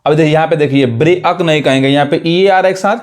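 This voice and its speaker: A man with a high voice explains English pronunciation rules. He repeats each word and poses rhetorical questions as he teaches. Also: very fast.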